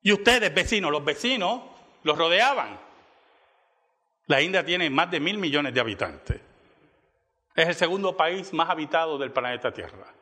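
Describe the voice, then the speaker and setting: Bright-voiced preacher in a reverberant hall. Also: male voice, expressive, normal speed, long pauses. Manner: dramatic, acts out quoted dialogue with rising pitch. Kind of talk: sermon storytelling. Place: church.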